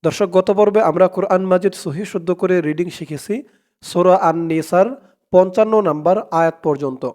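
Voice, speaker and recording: A man teaching Quran reading in Bengali with a Bangladeshi accent, spelling out words letter by letter and chanting the verses slowly. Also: fairly high pitch, a little mellow. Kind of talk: slow step-by-step Quran recitation lesson.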